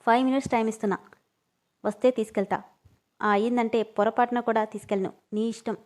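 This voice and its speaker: A woman's voice: on the high side, fairly even intonation, quick pace, natural voice. Woman reading as a curt bossy young man. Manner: sharp, commanding, teasing. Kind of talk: storybook reading.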